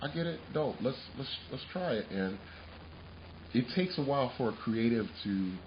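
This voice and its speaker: A man co-hosting a casual podcast chat, animated and laughing often, restarting his sentences as he goes. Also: mid-range voice, moderate pace, lo-fi sound, a little hiss or hum. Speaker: podcast co-host.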